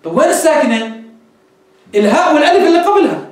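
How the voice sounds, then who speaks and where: A man's voice: extremely high pitch, big pitch swings, racing. A man teaching a grammar lesson, explaining step by step and quizzing his class. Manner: explains step by step, asks the class questions and answers them. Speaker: sheikh teaching Arabic grammar. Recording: very echoey room, mic far off.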